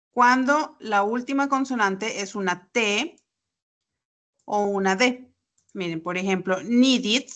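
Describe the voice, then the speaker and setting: Over a video call picked up by her computer mic, a woman teaches English pronunciation online. Her voice sits at a medium pitch with a fairly bright quality, and she explains patiently, one step at a time, using examples.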